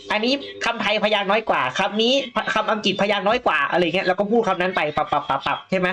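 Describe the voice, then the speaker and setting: A woman's voice: medium pitch, fairly bright tone. A woman co-hosting a news talk show, thinking aloud in a casual panel discussion with frequent hesitations.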